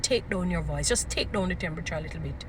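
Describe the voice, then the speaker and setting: Speaking fast and animated in a lowish voice, a Jamaican-accented relationship advice speaker preaches informal, emphatic guidance, repeating brief phrases to drive her points. Her voice is strong, and the background is noisy.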